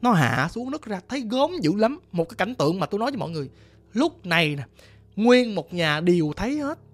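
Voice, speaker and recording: A storyteller with a Southern Vietnamese accent retelling a ghost story, vivid and animated, acting out sounds. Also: medium pitch, fast talker, dry recording, faint music behind. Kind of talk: retold ghost story narration.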